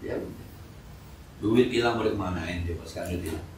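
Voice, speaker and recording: A man's voice: deep voice, fairly quick, noisy background. A middle-aged man with a Betawi Jakarta accent gives a joking, slangy sermon, acting out everyday scenes. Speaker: preacher. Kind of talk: mosque study-circle sermon. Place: mosque hall. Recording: echoey hall, mic from far off.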